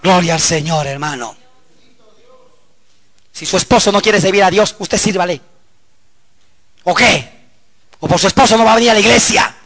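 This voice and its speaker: Fervent high-voiced preacher with gravelly edge. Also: male voice, moderate pace, long pauses. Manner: fervent preaching, shouting climaxes, constant "hermano" and "aleluya". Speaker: pastor. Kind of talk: Pentecostal sermon.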